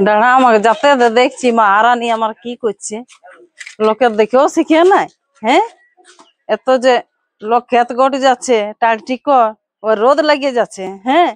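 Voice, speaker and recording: A woman's voice: fairly high pitch, moderate pace, close to an everyday voice. An actress playing a middle-aged farming mother-in-law with a Purulia Bengali accent, who grumbles and scolds. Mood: scolding. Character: nagging village mother-in-law, a hard-working farmer. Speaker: actor in a village drama.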